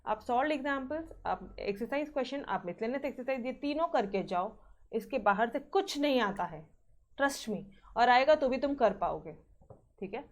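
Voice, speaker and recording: Her high-pitched voice has lively intonation and a normal pace as she teaches a maths class in Hindi mixed with English terms. She checks in with the students frequently and sternly reminds them to practise.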